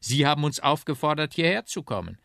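A man voicing a stout, shy talking bagpipe in a children's radio story, speaking slowly and dryly. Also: on the high side, animated, creaky, fairly bright tone, no echo, studio quality, pitched above the performer's own voice. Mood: dry, deadpan.

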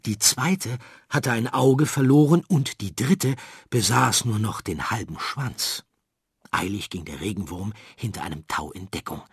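A man narrating a children's story in a calm, expressive way. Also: lowish voice, husky, no room sound, clean studio sound.

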